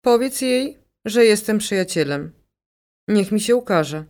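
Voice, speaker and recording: A woman voicing a calm, commanding female psychic medium with a Ukrainian accent, speaking slowly and insistently. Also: medium pitch, natural voice. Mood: guiding. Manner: slow, insistent, instructing. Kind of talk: audiobook character reading.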